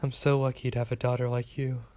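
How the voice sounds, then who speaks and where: A man voicing a gentle, caring middle-aged mother in an audiobook, close to his own gravelly voice. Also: medium pitch, brisk, lightly acted. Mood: tender.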